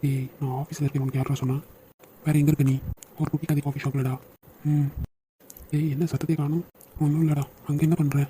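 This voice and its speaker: A man voicing fast young man in a family cartoon. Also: on the high side, level tone, warm tone, a little hiss or hum, lightly acted, low-quality recording. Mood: teasing. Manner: brotherly, joking, quick-talking. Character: young men of a family, caring and teasing. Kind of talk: cartoon dub of a family drama.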